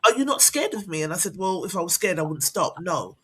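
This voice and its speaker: A woman hosting a casual live chat, telling stories in an animated, encouraging way. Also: lowish voice, quick pace, over a noisy crowd. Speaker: host.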